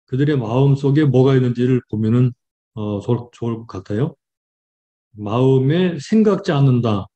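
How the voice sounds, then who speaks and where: Dark-voiced pastor teaching scripture. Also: male voice, medium pitch, muffled recording. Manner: reads verses slowly, then explains with fillers. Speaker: pastor teaching Bible study. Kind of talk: Bible study lecture.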